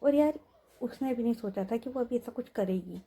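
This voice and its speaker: A woman's voice: a little high, brisk, warm tone, breathy edge. A young woman narrating a story in a casual, chatty way, turning to her listeners with asides.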